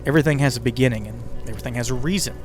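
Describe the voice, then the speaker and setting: A man's mid-range voice races through conversational, scripted podcast narration that he hosts and writes, with casual asides aimed at the listener. Behind him are an ambient music bed and the sound of a crackling fire.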